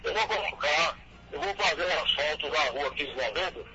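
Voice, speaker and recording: A man's voice: a little high, normal speed, sharp tone. A man calling in on speakerphone, giving a matter-of-fact status report in short sentences. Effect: on speakerphone over a phone line. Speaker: phone-in caller, road signage worker. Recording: dull phone line with crowd noise behind.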